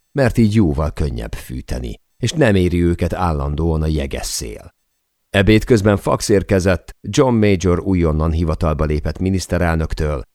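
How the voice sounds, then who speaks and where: A man reading a first-person memoir aloud as an audiobook narrator, in a measured, deliberate way. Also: sits low, a little mellow, no echo, clean studio sound.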